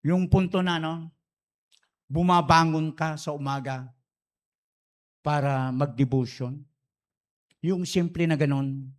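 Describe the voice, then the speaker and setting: A man's voice: a little high, fairly even intonation, slow, long pauses. A man preaching a sermon, telling a story and slipping between Tagalog and English phrases.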